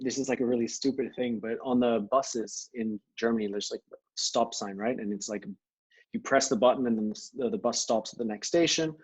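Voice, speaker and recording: A man from Thailand, a podcast guest, chatting casually in a relaxed, rambling way with many fillers and restarts, heard over a video call. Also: mid-range voice, breathy edge, rough recording. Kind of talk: casual conversation. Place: grandmother's home.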